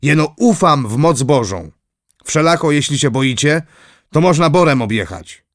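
A man's voice: on the high side, lively intonation, normal speed, no room sound, studio quality, pitched above the performer's own voice. A man voicing a bold, fearless male squire who speaks bluntly, in an audiobook reading. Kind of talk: audiobook character voice.

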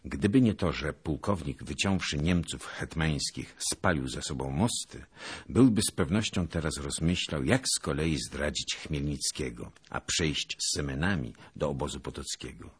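A man reading a historical novel as an expressive, theatrical audiobook narrator. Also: rumbling low, moderate pace, husky.

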